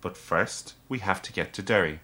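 A man voicing a small, sly and patient male leprechaun in an audiobook, talking slowly and correcting others. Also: low voice, husky, exaggerated voice. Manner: lively, drawn-out, correcting. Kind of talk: audiobook character voice.

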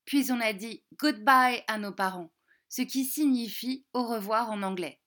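A woman narrating a children's story and carefully explaining English pronunciation in clear, slow speech. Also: fairly high pitch, a bit bright.

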